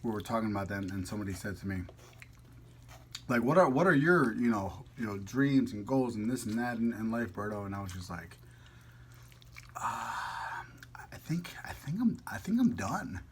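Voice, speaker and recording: Expressive and moderately paced, the food vlogger's low-leaning voice carries over slight background noise. He eats as he chats casually and playfully, rambling a little, in a mukbang-style video.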